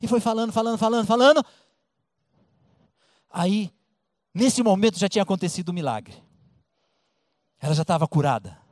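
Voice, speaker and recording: A man preaching a sermon with a Brazilian Portuguese accent, telling a story in a colloquial, lively way and acting out the voices. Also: high-pitched, moderate pace, long pauses, no room sound, studio quality. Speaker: pastor.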